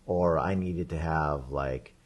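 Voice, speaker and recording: A man co-hosting a podcast, telling a tabletop game story in a rambling, animated way with laughs and restarts. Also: a bass voice, takes it slowly. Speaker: podcast co-host. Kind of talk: casual chat.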